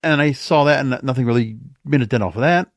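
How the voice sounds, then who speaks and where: Recorded without echo in a home or small studio, this man hosts a solo podcast, speaking fast in a mid-range voice. His monologue is relaxed and meandering, like he's working things out aloud.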